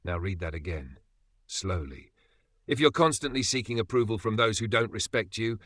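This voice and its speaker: A man reading a scripted motivational voice-over as the channel's narrator, with measured, emphatic delivery and dramatic pauses. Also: lowish voice, a bit bright, no echo, clean studio sound.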